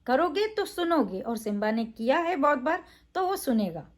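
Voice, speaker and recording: A woman's voice: sits high, very animated, normal speed. A woman reviewing a reality show in a casual, opinionated way, emphatic, with frequent fillers.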